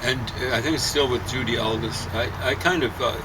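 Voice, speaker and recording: Out on a deck with traffic clearly audible and the mic at a distance, a man chats casually, airing his opinions in a sardonic, grumbling way. He speaks briskly in a mid-range voice.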